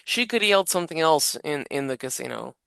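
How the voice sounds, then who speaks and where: Woman podcast cohost, bright voice, dry close sound, rambly movie commentary. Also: deep voice, lively intonation, quick pace, creaky, clear, resonant tone, dry recording. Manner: chatty, rambling with many restarts. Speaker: podcast co-host. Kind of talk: casual movie commentary chat.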